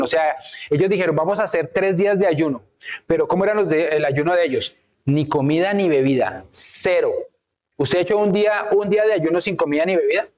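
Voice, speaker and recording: A man's voice: on the high side, darkish tone. Male preacher with a raised voice who works the congregation with questions and acts out scripture scenes. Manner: frequent rhetorical checks with the congregation; acts out biblical characters' words. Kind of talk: sermon. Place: church in Canada.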